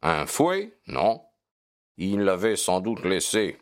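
A man doing a gruff hesitant old-time constable. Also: low-pitched, big pitch swings, moderate pace, a bit bright. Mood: defensive. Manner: colloquial, hesitant with fillers. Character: gruff working-class male London constable. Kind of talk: audiobook reading.

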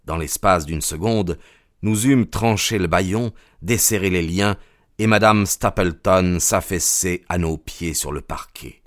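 A man narrating an audiobook in a measured, dramatic storytelling manner. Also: deep voice.

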